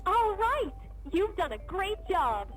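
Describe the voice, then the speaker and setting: A friendly little girl jellyfish from a cartoon kids' game. The voice is extremely high and bouncy, polite and encouraging, with faint music behind it. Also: sing-song, slow, exaggerated voice. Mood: chirpy, encouraging. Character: friendly little female jellyfish toy maker. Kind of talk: children's game cartoon voice acting.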